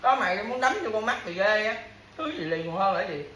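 A woman's voice: medium pitch, expressive, fast talker, a bit bright. A woman scolding her partner at home, repeating the same complaints and empty threats over and over. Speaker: scolding spouse. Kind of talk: casual domestic bickering. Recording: echoey room with faint background noise.

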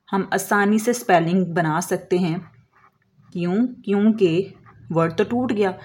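A woman explaining a lesson as an English teacher, slowly drawing out example words and answering her own questions. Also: fairly low pitch, a little mellow, husky. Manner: asks questions and answers them herself.

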